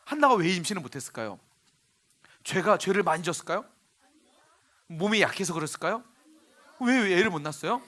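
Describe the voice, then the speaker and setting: A male pastor telling a sermon story for children, animated and often asking the audience questions. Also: high-pitched, brisk, long pauses.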